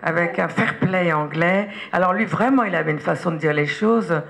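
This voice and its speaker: A woman giving a relaxed interview as an actress, telling anecdotes in a chatty way with frequent laughs and hesitations. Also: fairly low pitch, moderate pace, creaky.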